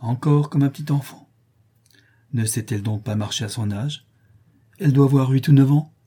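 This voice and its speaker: A fussy nursemaid scolding her young charge, read by a man. His voice is dark and husky. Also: medium pitch, normal speed, close to an everyday voice.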